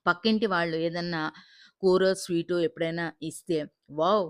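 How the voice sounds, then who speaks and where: A woman's voice: lowish voice, normal speed, no room sound, clean studio sound. A woman narrating an emotional family audio story in the first person, with a dramatic delivery.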